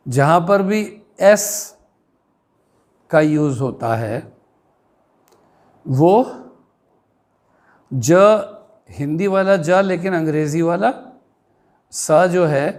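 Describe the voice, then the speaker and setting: A male English teacher with an Indian accent takes a pronunciation class. His voice sits a little high, and he speaks very slowly. He pauses after each word and spells words out letter by letter. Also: a little mellow.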